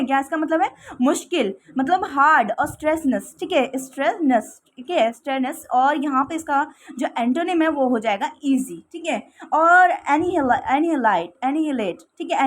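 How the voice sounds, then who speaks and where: A woman's voice: high voice, slight background noise. A woman teaching English vocabulary in a casual classroom style, repeating "okay" often and explaining with everyday examples.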